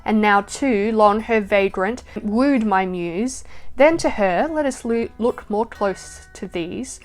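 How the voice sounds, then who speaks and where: A woman reads poetry aloud in a soft, unhurried voice of middling pitch. Her voice often drops away at the close of a line. Faint acoustic guitar plays quietly behind her. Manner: slow, soft reading that trails off at line ends. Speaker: poetry reader. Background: soft acoustic guitar music.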